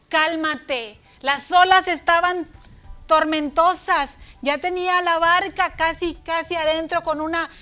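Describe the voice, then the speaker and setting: Bright high-voiced woman preaching to children. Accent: Latin American Spanish. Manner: addresses children tenderly, booming when quoting commands. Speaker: children's church teacher. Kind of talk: children's sermon.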